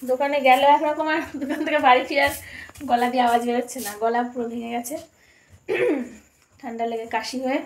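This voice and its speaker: A woman's voice: high-pitched, level tone, fast, pauses often. A young woman, talking casually through her evening at home in a vlog, her throat a little scratchy. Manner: chatty, rambling and self-correcting. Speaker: vlogger.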